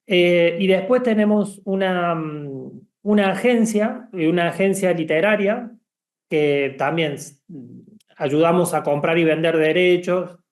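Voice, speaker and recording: A man's voice: sits high, a little slow. A man from Argentina, talking casually as an interview guest, hesitant with many fillers and restarts. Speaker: guest, bookshop founder.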